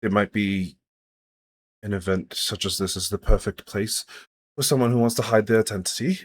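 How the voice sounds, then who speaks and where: A man's voice: fairly low pitch, normal speed, husky. A man voicing a nervous, sweaty masked woman who is a dragon scholar, stammering and hesitant in a tabletop game.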